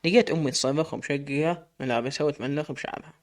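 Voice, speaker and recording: A man's voice: on the high side, fairly even intonation, fast. A man with an Iraqi Arabic accent telling a dramatic story in first person, emotional and full of quoted dialogue.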